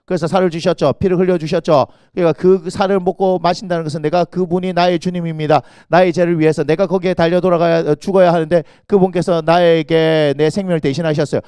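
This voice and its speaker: A middle-aged senior pastor preaches at a rapid clip in a high, bright register. He tells stories with animated flair, slipping into quoted voices and sudden shouts. His voice comes through a close church microphone with a dry sound. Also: smooth, no room sound. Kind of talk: lively sermon. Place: church sanctuary.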